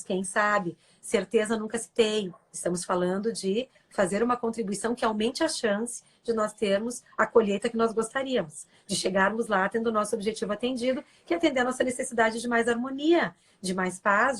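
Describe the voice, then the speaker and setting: A woman's voice: mid-range voice, a little fast, few pauses, slightly rough. A woman giving an earnest, explanatory talk as a guest on a live stream, acting out quoted lines and often checking in with tag questions.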